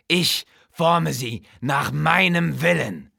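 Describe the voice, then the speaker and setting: A man's voice: a little high, creaky, sharp tone, no room sound, clean studio sound, pitched above the performer's own voice, heavily acted. A man doing a cold, hissing necromancer king. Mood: cold, commanding. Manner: slow, commanding, hissing menace. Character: cold, arrogant undead priest-king necromancer, male.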